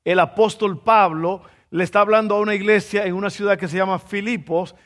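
A man preaching a sermon, telling a story with lively asides and rhetorical questions. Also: sits high, fairly quick, big-room sound.

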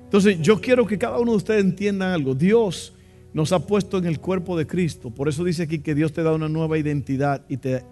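A man's voice: fairly high pitch, a little fast, dark tone, faint music behind. A man preaching a sermon in a church, impassioned and asking the congregation questions. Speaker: pastor.

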